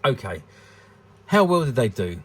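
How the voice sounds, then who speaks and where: A British man in his sixties, a vintage toy dealer, presents a collectable with unscripted, informal commentary that's rambling, hesitant, and full of repeated words. His medium-pitched voice is husky and a bit bright, unhurried, with big pitch swings.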